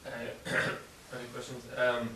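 A man's voice: medium pitch, completely flat delivery, slow pace. A man in an audience asking questions hesitantly, searching for words as he goes. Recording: echoey, distant mic, loud noise and clicks.

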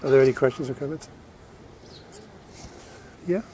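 A man giving an informal devotional lecture as a religious teacher, short of breath and halting, with restarts. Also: mid-range voice, dark tone, a little hiss or hum.

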